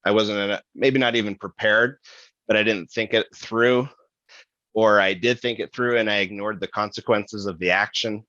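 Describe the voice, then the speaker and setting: A man hosting a podcast, reflecting out loud in a casual, halting way with restarts. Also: lowish voice, steady tone, no echo, lo-fi sound. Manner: thinking aloud, halting with restarts and fillers. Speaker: podcast host.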